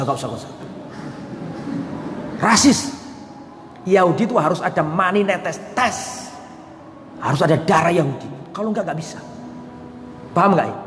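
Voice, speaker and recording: Male preacher, high voice, storytelling, asks the room questions, echoey hall. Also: a little hiss or hum. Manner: lively storytelling, asks the audience questions, acts out quoted lines. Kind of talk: religious study lecture. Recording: echoey hall, faint ambience.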